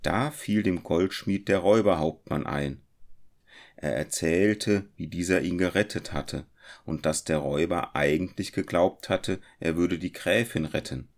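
Narrator low gravelly man, measured audiobook reading. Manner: calm, measured storytelling.

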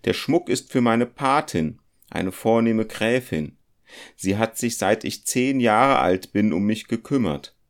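A man's voice: on the low side, animated, a little slow, pitched above the performer's own voice. A man voicing a fearful young male goldsmith, pleading and stubborn, in a spoken storybook. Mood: earnest.

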